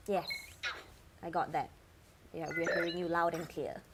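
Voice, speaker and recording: A woman's voice: fairly low pitch, level tone, unhurried, very noisy. A woman playing a glib, vain male talk-show host in a scripted satire, wisecracking and stammering. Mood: breezy.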